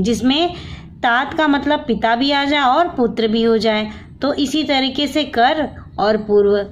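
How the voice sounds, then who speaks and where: A woman teacher slowly reading out textbook questions and answers to children. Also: sits high, dull audio, slight background noise. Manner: slow and deliberate, reading answers aloud to children.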